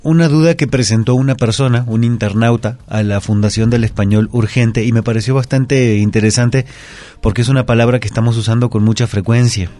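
A man's voice: medium pitch, fairly even intonation, brisk, mellow. A man, explaining word usage carefully and methodically as a language expert on a talk segment.

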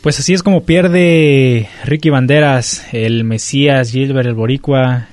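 A man hosting a wrestling show, giving unscripted commentary in a halting way as he searches for words. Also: mid-range voice, fairly even intonation, a little mellow, no room sound, soft background music. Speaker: show host.

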